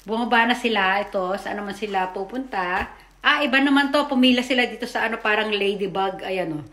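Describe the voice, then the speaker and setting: A woman's voice: mid-range voice, fairly quick, a bit bright, echoey room. A woman, a mother, giving a casual voice-over to her family video, chatty and stumbling over her words now and then. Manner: chatty, tags lines with "o, di ba?".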